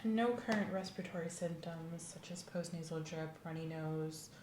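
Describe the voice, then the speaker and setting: Pitching her voice low, below her own yet close to everyday speech, a woman speaks at a moderate pace as a courteous, reassuring doctor in an ASMR checkup roleplay. She's calm and attentive, asking methodical questions with polite professionalism. The recording sounds roomy with faint background noise.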